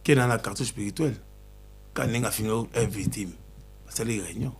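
A man talking excitedly in a casual chat, switching between Lingala and French. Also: lowish voice, fairly quick, breathy edge.

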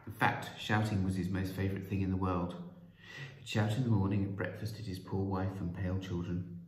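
A man's voice: sits low, little pitch movement, fairly quick, darkish tone. A man, a children's author, reading his own book aloud in a playful storytelling manner with chatty asides. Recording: roomy echo.

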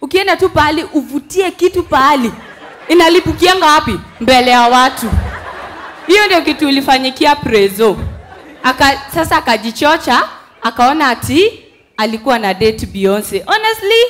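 A woman's voice: high-pitched, animated, a little fast, fairly bright tone, some chatter behind, slight background noise. A young Kenyan woman doing stand-up on an indoor stage through a headset mic, chatty and mimicking voices. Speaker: stand-up comedian. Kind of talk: stand-up comedy in mixed Swahili and English.

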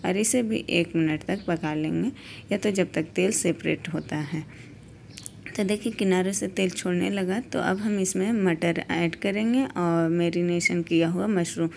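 A woman's voice: lowish voice, gravelly, darkish tone, slight background noise. A woman walking through a home recipe step by step in a homely instructional voice-over. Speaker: home cooking channel host.

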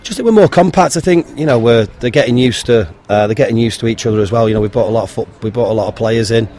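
A man, a football manager giving a frank post-match interview by the pitch, with many ums and restarts. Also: fast, a little mellow, a little hiss or hum. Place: outdoors beside a football pitch. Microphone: handheld interviewer mic held to him.

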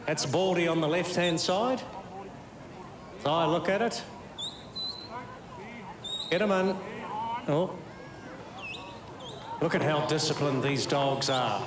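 A man's voice: fairly high pitch, measured pace, long pauses. A man with a New Zealand accent giving enthusiastic, exclamatory live commentary at an outdoor sports event. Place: outdoor arena in a city square. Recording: echoey outdoor public address, noisy, barking dogs.

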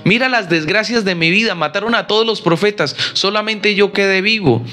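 A worn-out, despairing prophet pours out his complaint to God, his voice pushed high and strained, as a preacher acts him out in a sermon. He pleads as though he has nothing left, and a faint guitar plays softly behind him. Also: a little fast.

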